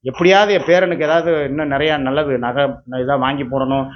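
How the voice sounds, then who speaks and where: A YouTube entertainer in his fifties, his voice fairly high and fairly quick, pleads tearfully with his viewers in an emotional vlog monologue. He rambles and repeats himself, and the recording sounds muffled.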